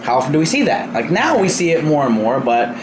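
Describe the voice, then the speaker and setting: A man's voice: a little high, quick pace. A man in his thirties hosting a casual podcast, chatty and opinionated, laughing often. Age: 30s. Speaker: podcast host. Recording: steady air-conditioner hum.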